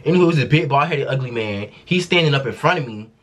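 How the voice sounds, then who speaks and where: A man's voice: medium pitch, lively intonation, quick pace. Slangy, profane young man with a drawl. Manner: casual, profane, slangy storytelling. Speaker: vlogger. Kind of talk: storytime vlog.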